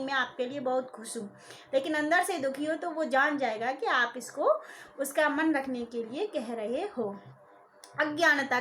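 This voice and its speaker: High-voiced woman lecturing clearly. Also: sharp tone, slight background noise. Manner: clear and explanatory, stressing terms. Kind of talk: recorded lesson.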